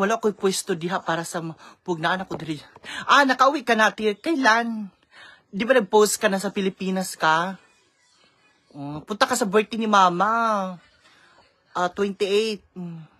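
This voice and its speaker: Woman vlogger, casual live-stream chat, mid-range pitch, talkative, keeps reading viewer shout-outs. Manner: code-switches freely with English.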